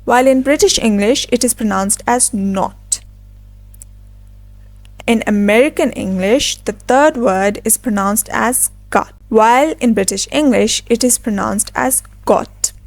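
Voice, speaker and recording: Woman, English teacher, scripted lesson, slightly high voice, deliberate model words, dry close sound. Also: no room sound. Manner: slow, deliberate model pronunciations.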